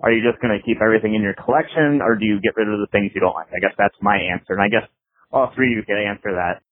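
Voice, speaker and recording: A man's voice: on the low side, very fast. Give me a man on a worn, tinny voicemail recording. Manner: runs through a list of points, loose and unrehearsed. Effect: lo-fi voicemail recording, like a worn tape. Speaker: caller. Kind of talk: casual voicemail message. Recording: tinny, dry phone-line voicemail.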